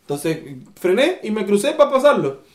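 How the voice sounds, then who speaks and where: A man's voice: sits high, moderate pace, reverberant. A man with a Venezuelan accent, a podcast guest telling stories in casual chat and acting out the voices of people he quotes. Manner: animated storyteller who acts out quoted voices.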